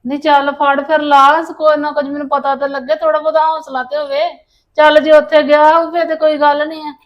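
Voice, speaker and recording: A woman's voice: high-pitched, flat delivery, brisk, dull audio, natural voice. A woman playing a fretful, lamenting grandmother. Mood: anxious. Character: anxious paternal grandmother of a missing boy.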